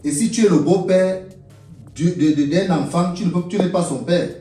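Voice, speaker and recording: In a comedy web series, a Cameroonian French–accented actor portrays a demanding, blustering stepfather who keeps repeating his scolding. His high-pitched, mellow voice moves at a moderate pace and stays close to everyday speech. Light music plays, and he sounds distant in an echoey room.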